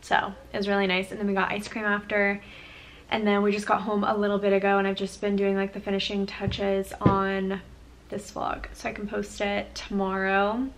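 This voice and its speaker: A woman's voice: medium pitch, monotone, normal speed, a little hiss or hum. A young woman in her twenties chatting casually to her camera at night from a small bedroom, filling her talk with "like". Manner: chatty, lots of "like" fillers. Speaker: vlogger.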